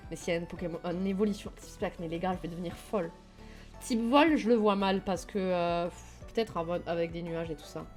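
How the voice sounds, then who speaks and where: A young Toulouse woman with a southern French accent chats casually and enthusiastically with her livestream viewers, using lots of fillers. Her voice is lowish and brisk, with faint music in the background.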